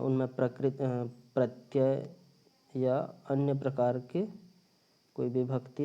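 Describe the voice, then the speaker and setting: Slow, dark-voiced man teaching grammar. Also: medium pitch, highs cut off. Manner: slow, explanatory, repeats and rephrases points. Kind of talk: recorded linguistics lecture. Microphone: phone or screen recorder.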